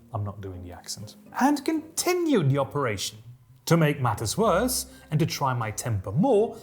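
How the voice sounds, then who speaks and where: Lively, wry male history storyteller. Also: mid-range voice. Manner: wry, joking asides between read-out passages; reads old diary passages aloud. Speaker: history podcast host.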